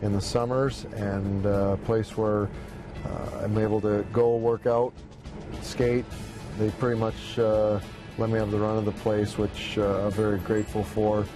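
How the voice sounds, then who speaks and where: A man's voice: on the low side, little pitch movement, a little slow, over music. A man from Minnesota, a hockey player, casually showing the camera around his hometown, friendly and plain-spoken with fillers. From Minnesota, USA.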